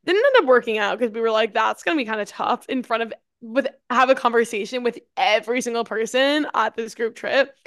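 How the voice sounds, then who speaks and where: A young woman co-hosting a podcast keeps the conversation moving with chatty asides and quick agreement. Her voice sits a touch high. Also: a bit bright. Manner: chatty, adds details, frequent agreement. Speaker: podcast co-host. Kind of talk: casual chat.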